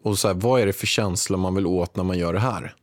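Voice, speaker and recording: A man hosting a podcast, asking questions and thinking aloud in relaxed conversation. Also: deep voice, dry recording, studio quality. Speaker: podcast host. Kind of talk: casual chat.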